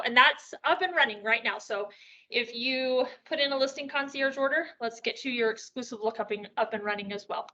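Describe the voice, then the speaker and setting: A woman with a high, pushed, bright voice, its highs cut off, presents at a real estate sales meeting. She's upbeat and chatty, slightly out of breath, and poses rhetorical questions while walking through tools.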